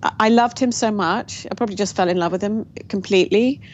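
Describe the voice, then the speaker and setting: This woman has a mid-range voice with a darkish tone and talks fast. She's an English guest author in an interview, reflectively recounting her family story and restarting often, captured on dull lo-fi audio with faint noise.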